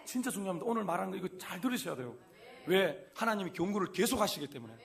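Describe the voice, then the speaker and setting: A male pastor delivers a folksy sermon, slipping into little acted-out quotes of everyday talk. His voice is gravelly with fry and sits slightly high for a man. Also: animated, fast talker, fairly bright tone. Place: church sanctuary.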